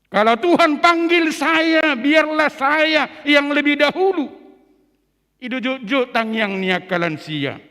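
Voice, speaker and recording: An Indonesian pastor preaches a sermon in a large church, his very high voice lively in intonation, slow in pace, and bright and forceful in tone. He moves between two languages and builds to emphatic peaks. The recording has a long church-hall reverb.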